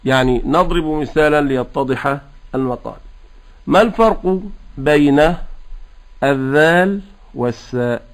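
A man with a fairly high voice teaches Quran recitation rules. He explains each point patiently and step by step. He shifts into slow, drawn-out melodic chanting of the verses. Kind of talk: tajweed lesson with recitation.

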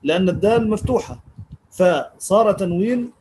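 A man's voice: high-pitched, expressive, moderate pace, a little mellow, slight background noise, poor audio. A man teaching a live lesson on Quranic grammar, patiently repeating key words and thanking listeners as he answers their comments.

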